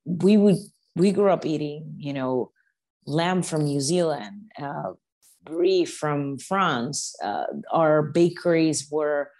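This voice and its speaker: A woman's voice: low-pitched, lively intonation, slow, a little mellow. A middle-aged woman from the United States, talking casually as an interview guest, with many restarts and repeated words.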